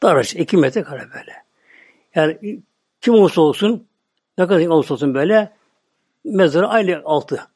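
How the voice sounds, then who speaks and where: Turkish man, religious preacher, fairly high voice, slow repetitive delivery, murmured asides. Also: lively intonation, a little mellow. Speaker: Islamic preacher. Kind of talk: religious talk.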